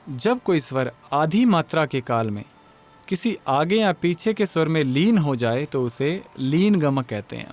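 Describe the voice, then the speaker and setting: Hindi man lecturing on music theory. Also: fairly high pitch. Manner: explanatory, asks and answers own questions. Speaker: music teacher. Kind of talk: exam-prep lecture.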